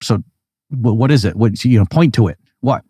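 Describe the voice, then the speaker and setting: Mid-pitched man arguing a point conversationally. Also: normal speed, dark tone, breathy edge, no echo, studio quality. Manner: conversational, acts out hypothetical back-and-forth arguments; loose phrasing with frequent "like" and "you know". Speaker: podcast host. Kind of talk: explanatory monologue.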